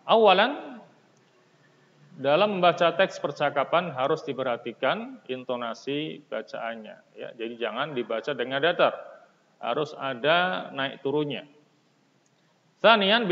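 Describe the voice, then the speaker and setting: Man, school teacher, recorded lesson, patient step-by-step explaining, louder on each numbered point, muffled lo-fi sound, long reverb. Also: medium pitch. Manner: reads each phrase, then explains it slowly and patiently; raises his voice to announce each numbered point. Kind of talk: recorded distance-learning lesson.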